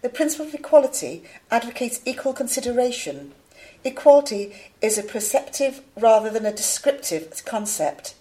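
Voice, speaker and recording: A woman playing a composed academic in a scripted debate, formal and measured. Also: a little high, very animated, warm tone. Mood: composed, reasoning. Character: composed female academic debater defending animal equality. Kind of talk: scripted studio debate for a listening exam.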